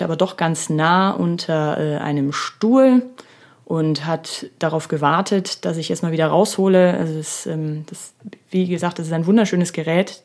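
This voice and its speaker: A woman's voice: lowish voice, a little mellow. A woman in her thirties hosting her own podcast, talking alone in a chatty, self-ironic way with many filler sounds. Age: 30s. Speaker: podcast host. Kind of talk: casual solo podcast monologue. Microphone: studio microphone.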